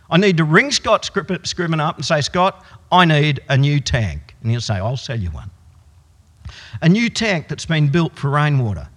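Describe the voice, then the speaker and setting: Lively male preacher in an echoey hall. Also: on the high side. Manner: storytelling, swings from loud to hushed for emphasis. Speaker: pastor. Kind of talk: sermon. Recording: echoey hall with long reverb.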